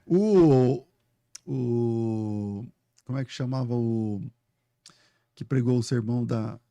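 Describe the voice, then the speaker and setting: Pastor brasileiro animado contando histórias, voz escura em som seco. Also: male voice, mid-range voice, slow pace, gravelly, smooth, dry recording. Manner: animated, laughing storyteller who quotes himself. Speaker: pastor, podcast guest. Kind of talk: casual podcast storytelling.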